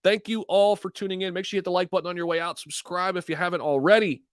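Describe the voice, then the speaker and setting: A man's voice: high voice, fairly even intonation, quick pace, clean tone, dry recording, clean studio sound. A man hosting a casual crypto livestream, talking to viewers in hyped, slangy crypto bro style.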